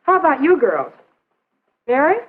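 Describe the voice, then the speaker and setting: Thin noisy old soundtrack, high-pitched teenage girl, swooping intonation, breezy, coaxing, insistent, 1950s film acting. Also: sing-song, moderate pace, narrow, tinny audio.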